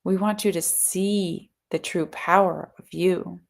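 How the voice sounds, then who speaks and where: A woman acting as a seance medium in trance, voicing a serene collective of spirits in measured, solemn pronouncements. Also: fairly low pitch, steady tone, vocal fry, full character voice. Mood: solemn, encouraging. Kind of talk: trance channeling message.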